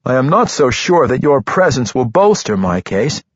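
A man voicing a gentle, humble male monk. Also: mid-range voice, normal speed, husky, dry recording, muffled recording, voice pushed up, lightly acted. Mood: light-hearted.

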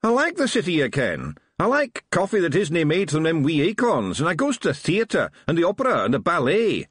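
A man's voice: fairly high pitch, huge pitch swings, fairly quick, fairly bright tone, husky, no echo, studio quality, voice pushed up, exaggerated voice. A man voicing a tiny cheerful male Feegle policeman who loves culture, with a broad Scottish accent and a chirpy, boastful manner.

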